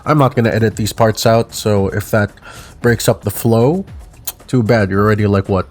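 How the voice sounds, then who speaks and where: A man's voice: fairly low pitch, fairly even intonation, moderate pace, faint music behind. A man who is sick, casually rambling through an unscripted ranking of game icons with many fillers, recorded at home on a desk mic while wearing headphones. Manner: rambling, casual, offhand verdicts with frequent fillers. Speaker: gaming video creator ranking icons. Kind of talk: unscripted tier-list commentary.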